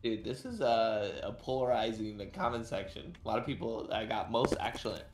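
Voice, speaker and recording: A man's voice: fairly low pitch, brisk, soft background music. A young man streaming games and chatting casually with friends, laid-back and laughing often, using crude slang. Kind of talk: casual gaming chat with friends. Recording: roomy voice chat audio.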